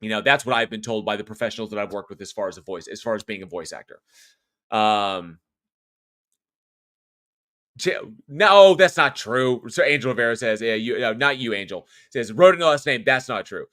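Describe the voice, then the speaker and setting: With a lowish, expressive voice, fairly bright and at a moderate pace, a middle-aged American man hosts a horror show. This California-born voice actor has a non-regional accent and chats casually on a live stream, reading viewer comments aloud, rambling, and often restarting or self-correcting.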